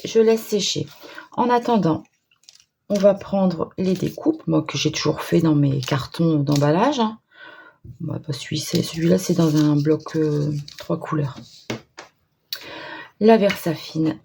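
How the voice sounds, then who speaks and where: A woman's voice: fairly low pitch, vocal fry, dark tone, slight background noise. A woman with a northern French accent demonstrating a craft project in a chatty, hesitant way, with many fillers. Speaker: crafting tutorial host.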